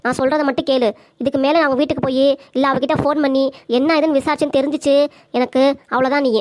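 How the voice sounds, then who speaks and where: A woman's voice: sits high, steady tone, fast talker, dry recording, lightly acted. A woman voicing a bossy cartoon wife. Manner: bossy, nagging. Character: sharp-tongued scheming young wife. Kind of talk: cartoon comedy voice acting.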